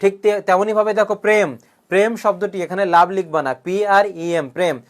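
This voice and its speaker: A male coaching teacher giving an online grammar lecture, drilling students with repeated questions and answers, joking with threats and often clearing his throat. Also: sits high, steady tone, fast. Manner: jokingly threatens students who have not shared the class.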